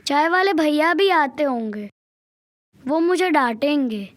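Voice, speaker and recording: An actor playing a frightened young schoolboy who refuses a stranger and cries for help. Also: male voice, lively intonation, a little slow, a bit bright, dry recording, clean studio sound, exaggerated voice. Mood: worried. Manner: high, pleading, crying for help. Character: frightened young schoolboy waiting for his tutor.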